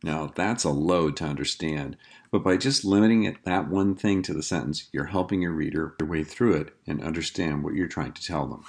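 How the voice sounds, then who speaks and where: A man with a very low, deep voice gives a writing lesson. He explains each technique patiently and reads example sentences aloud in a measured, instructive way. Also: gravelly, darkish tone. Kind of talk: scripted lecture on writing.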